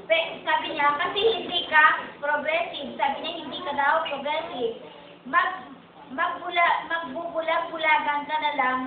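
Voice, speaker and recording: Woman Bible study teacher, high voice, keeps saying "he said", on a tinny, hissy chapel recording. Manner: keeps repeating "sabi niya" while retelling a preacher's points. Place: chapel hall. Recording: tinny, echoey, distant lo-fi hall recording.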